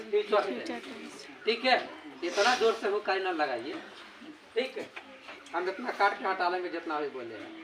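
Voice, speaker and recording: Man teaching in a Bihari accent, echoey. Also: high-pitched. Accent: Bihari Hindi. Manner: drilling, asks and answers own questions. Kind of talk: classroom grammar lesson. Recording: echoey room, distant mic, background noise.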